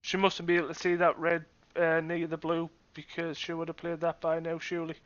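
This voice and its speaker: A man's voice: on the high side, completely flat delivery, a little fast, a bit bright, no room sound. A man co-commentating live on snooker in a conversational way, often giving his own verdicts, on a dull lo-fi recording. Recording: dull, lo-fi microphone sound.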